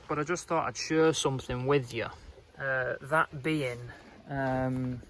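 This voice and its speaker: Slow, halting man chatting on site. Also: medium pitch, a bit bright, slight background noise, low-quality recording. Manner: rambling and halting, with many fillers, self-described as muddling his words. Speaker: vlogger renovating a cottage. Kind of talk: casual chat to camera.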